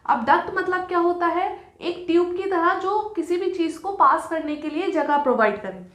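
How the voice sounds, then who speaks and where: A woman teaching a science lesson, who explains step by step, asks her own questions and answers them, and reads notes slowly. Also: very high voice, echoey room. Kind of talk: recorded classroom lecture.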